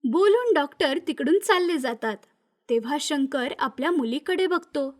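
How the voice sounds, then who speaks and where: In a very high voice and at normal speed, a woman reads a scripted children's story with a moral, narrating it in a lively, animated style.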